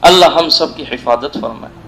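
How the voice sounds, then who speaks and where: Emphatic high-voiced preacher with Indian Urdu accent. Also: male voice, fairly bright tone, low-quality recording. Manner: emphatic storytelling, repeats phrases for stress. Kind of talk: evening sermon at a weekly gathering. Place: mosque centre.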